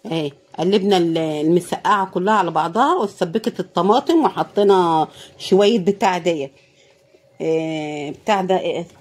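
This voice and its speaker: This cooking vlogger, a woman with an Egyptian Arabic accent, walks through her dish casually, her voice hoarse and weary, and she frequently mutters thanks to God. Her pitch sits fairly low, her pace is moderate, and her tone is a little mellow.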